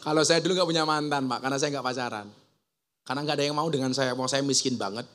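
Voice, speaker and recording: At an outdoor gathering at a boarding school, a man preaches a funny public sermon, punchy and full of jokes, throwing rhetorical questions at the crowd. His voice is medium in pitch, slightly bright, and he talks fast.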